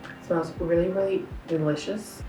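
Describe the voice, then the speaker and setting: A woman's voice: on the low side, fairly even intonation, normal speed, over music. A young woman from Canada in a casual food-tasting vlog, chatty and enthusiastic, with lots of fillers and slang. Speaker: vlogger. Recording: roomy sound, a bit far from the mic.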